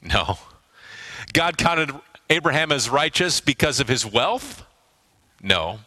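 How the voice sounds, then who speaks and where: A middle-aged man, a pastor, preaching a sermon to a congregation in a church, pausing for emphasis and dropping low on key words. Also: very animated, pushed and bright.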